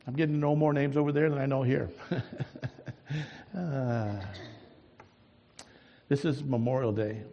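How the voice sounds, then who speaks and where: A man preaching a sermon as a pastor, moving from quiet reflective asides to loud, emphatic declarations, and ending in prayer. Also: mid-range voice, gravelly, long reverb tail. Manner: swings from soft musing to loud emphatic preaching.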